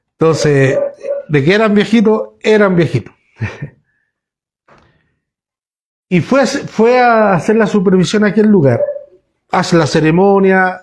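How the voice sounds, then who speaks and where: A pastor preaches in a fairly high voice. He talks to his congregation in a loose, storytelling way, often breaking off and restarting his sentences. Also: a little mellow. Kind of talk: sermon. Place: church.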